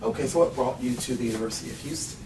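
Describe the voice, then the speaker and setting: A man's voice: mid-range voice, very fast. A man asks short, polite interview questions. He is heard from far off the mic, with room echo and noise behind him. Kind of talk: oral history interview. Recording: distant, echoey, noisy room.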